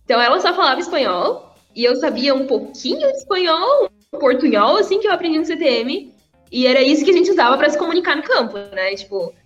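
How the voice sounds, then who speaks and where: In an echoey room with dull sound and faint music behind her, a young woman who was once a missionary chats casually in an interview. She speaks quickly in a high, sing-song voice, frequently laughing between phrases.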